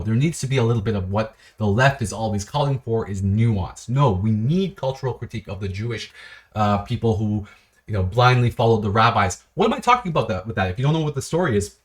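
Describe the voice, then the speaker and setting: A man hosting his own video series, talking off the cuff in a rambling, animated way, with frequent restarts and short laughs. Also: mid-range voice. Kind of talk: casual unscripted monologue.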